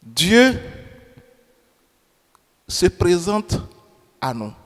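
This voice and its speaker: Preaching in French, which is not his mother tongue, this man speaks extremely slowly in a high voice with wide swings in pitch. He poses questions to the congregation and repeats important phrases, all captured with the long reverb of a church hall.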